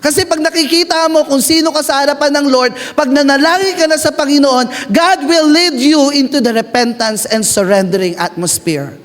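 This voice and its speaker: A man's voice: moderate pace, few pauses, fairly bright tone. A Filipino man preaching a sermon, mixing Tagalog and English, calling out to the congregation and acting out prayers. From Philippines. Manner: switches between Tagalog and English, calls out to the congregation; shifts pitch often, acts out prayers and asides. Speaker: pastor. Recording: long hall reverb.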